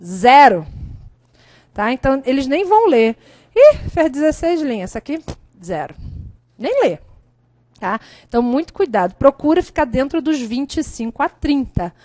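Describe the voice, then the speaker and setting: Woman, Brazilian Portuguese accent, high voice, dry close sound, lively teaching manner. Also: moderate pace, no room sound. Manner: lively, chatty, often checks with "né?" and "tá?". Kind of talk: exam-prep lecture.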